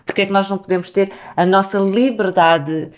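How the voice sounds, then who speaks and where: A woman hosting a conversation, speaking in a measured, earnest way and building her points in lists. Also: medium pitch, fairly even intonation. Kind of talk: conversational discussion.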